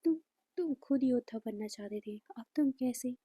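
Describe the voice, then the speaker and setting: A woman voicing a worried, protective young warrior, speaking softly and breathily in a storybook reading. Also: very high-pitched, normal speed, husky, no room sound. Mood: concerned.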